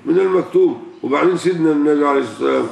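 An older man with an Egyptian Arabic accent, a sheikh, answers questions during a religious sermon, speaking very fast in a darkish, somewhat high voice with vocal fry. He asks rhetorical questions and repeats key words for emphasis. The room echoes, and he is far from the mic.

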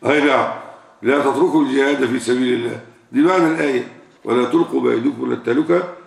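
A man's voice: medium pitch, very fast, vocal fry. An older man with an Egyptian Arabic accent, a sheikh answering questions in a religious sermon, who asks rhetorical questions and repeats key words for emphasis. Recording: echoey room, far from the mic.

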